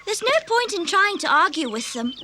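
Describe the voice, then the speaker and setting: A woman's voice: very high-pitched, sing-song, moderate pace, heavy background noise. A woman voicing a polite, earnest young girl in a cartoon dub. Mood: curious.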